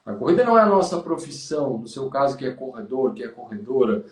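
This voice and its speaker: A man's voice: medium pitch, very animated, fast talker, reverberant, far from the mic. A man with a Brazilian Portuguese accent, a podcast host and running coach, chatting casually in a motivational, encouraging way. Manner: motivational, addresses listener as "cara".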